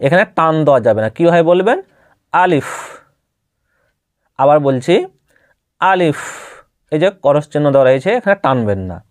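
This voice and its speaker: A patient male teacher with a fairly high voice and a Bengali accent who walks through Arabic letter sounds one by one. He repeats each example and asks the listener questions as he goes. The recording is dry and close, with no room sound. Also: animated, very fast, few pauses, no room sound. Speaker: Quran reading teacher. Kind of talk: step-by-step spoken lesson.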